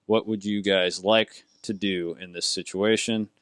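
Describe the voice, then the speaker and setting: Young man, game master, low voice, smooth, dry close sound, hesitant narration with fillers. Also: steady tone, a little slow, a bit bright, no room sound.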